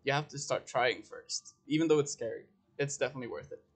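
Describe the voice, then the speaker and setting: A man's voice: medium pitch, fast. A man in his twenties from Chile, a chef answering casually as a podcast guest, easygoing and brief. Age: 20s. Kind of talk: casual interview.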